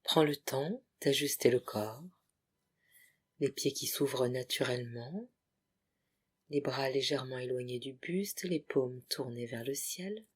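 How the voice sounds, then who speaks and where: This yoga nidra guide keeps a measured pace and a medium pitch, guiding relaxation through brief, spaced-out phrases. The voice is breathy, soft and calming, occasionally dropping almost to a whisper.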